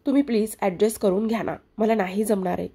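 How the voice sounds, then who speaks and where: A woman's voice: medium pitch, steady tone, fast talker, dark tone, slightly rough. A woman reading the lines of a protective young husband who refuses to leave his sick wife. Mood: firm. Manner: firm, protective. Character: young husband, caring and stubborn.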